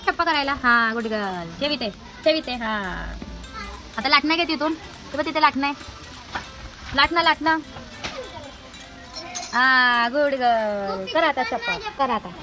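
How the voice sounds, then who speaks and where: A woman's voice: high-pitched, slow, pauses often, over music. A mother talking to her toddler in a playful home vlog, coaxing her in sing-song baby talk. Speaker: mother and vlogger.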